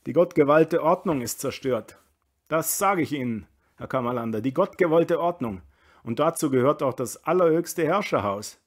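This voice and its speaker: A man's voice: on the high side, animated, normal speed, pitched above the performer's own voice. A man voicing a pompous older male townsman, lecturing in a raised voice.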